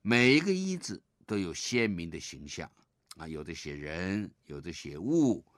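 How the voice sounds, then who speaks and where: A male teacher with a lowish voice leads a poetry reading lesson and tells its backstory. His intonation swings widely, and he draws each line of verse out slowly. The recording is dry and close, with no room sound. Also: dry recording. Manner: expressive, drawn-out recitation of verse; guides listeners to read along.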